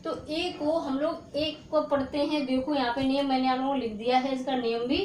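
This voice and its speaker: A woman's voice: high voice, level tone, a little fast, a little mellow. A woman teaching children a lesson, repeating points and answering her own questions as she writes on a board. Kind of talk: classroom-style lesson to children. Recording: echoey room, faint hiss.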